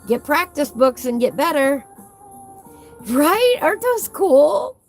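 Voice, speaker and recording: Female casual vlog host, fairly high voice with a whistle on her S's, folksy and gushing, faint music behind. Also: very animated, slow pace. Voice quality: whistling S sounds. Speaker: host of a coloring book channel. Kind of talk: casual live chat while flipping through a book.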